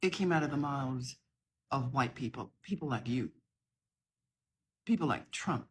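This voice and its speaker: A woman's voice: a bass voice, animated, unhurried, slightly rough. A middle-aged woman from the southern United States, talking to camera in an impassioned, emphatic rebuttal to another video. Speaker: social media creator.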